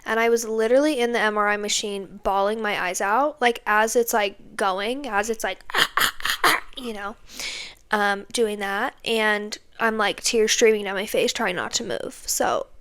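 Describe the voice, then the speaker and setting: A woman's voice: medium pitch, steady tone, moderate pace, fairly bright tone, smooth. A young woman hosting a podcast, venting in a casual monologue full of fillers and exasperated asides. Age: young adult. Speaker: podcast host.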